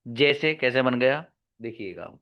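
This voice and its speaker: A man teaching English grammar in an online lesson, slowly repeating key words and answering his own questions for his students. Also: mid-range voice, animated, dull audio. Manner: calls listeners "babu" and "my friend".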